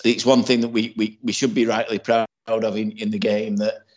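A man's voice: fairly low pitch, flat delivery, moderate pace, lo-fi sound. A man co-hosting a casual podcast who rambles earnestly with lots of restarts. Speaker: podcast co-host.

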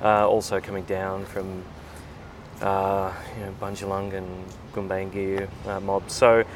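A man from Sydney with an Australian accent, chatting casually as an interviewer in a halting, thoughtful way. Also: low-pitched, monotone, background noise. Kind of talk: casual chat.

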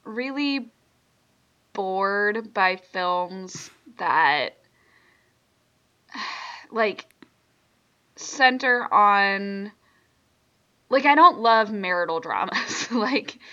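A woman's voice: medium pitch, expressive, extremely slow, pauses often, pushed and bright. A young woman co-hosting a casual movie podcast, chatty and opinionated, full of fillers. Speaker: podcast co-host. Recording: slightly dull lo-fi audio.

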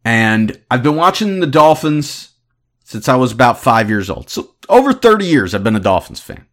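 A man in his thirties giving opinionated sports commentary as a podcast host, ranting in an animated, exasperated way. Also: mid-range voice, moderate pace. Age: 30s.

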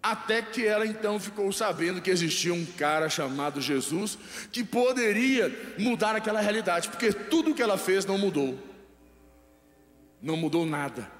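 High-voiced Brazilian man preaching in a hall. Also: animated, normal speed. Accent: Brazilian Portuguese. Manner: quizzes the congregation, letting them finish his sentences. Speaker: pastor. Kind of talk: live sermon. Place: large church hall. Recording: echoey church hall with long reverb.

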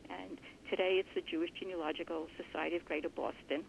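Gravelly woman explaining earnestly. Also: low voice, fairly even intonation, fast talker, a little hiss or hum. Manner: earnest, thoughtful explaining with small restarts. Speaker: genealogist guest. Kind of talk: conversational interview answers. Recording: muffled lo-fi recording.

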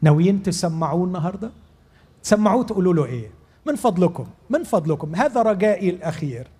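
A man's voice: high-pitched, animated, fast talker, mellow, breathy edge. A man preaching a fervent sermon in Egyptian Arabic, pleading with his audience and leading them into prayer. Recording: long reverb of a large hall.

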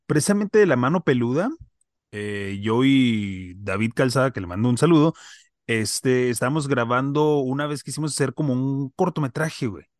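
A man's voice: mid-range voice, expressive, normal speed, no room sound, studio quality. A man, a podcast co-host, chatting casually and telling a story in loose slang.

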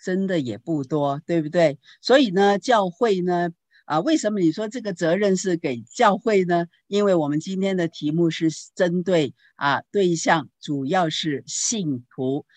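A woman pastor giving a teaching talk on parenting, telling anecdotes in a lively way and asking the audience questions. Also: lowish voice, measured pace, no room sound. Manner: lively storytelling with rhetorical questions.

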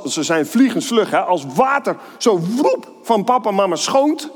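Man pastor, high voice, lively kids' sermon, long church reverb. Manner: lively, playful storytelling to children. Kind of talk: children's sermon with Bible reading.

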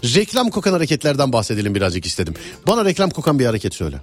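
Male radio host, mid pitch, very lively and quick, rambling and teasing through listener messages. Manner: animated, teasing, rambling conversational delivery. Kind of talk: casual radio chat, reading out listener messages. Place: radio studio. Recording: music bed behind the voice.

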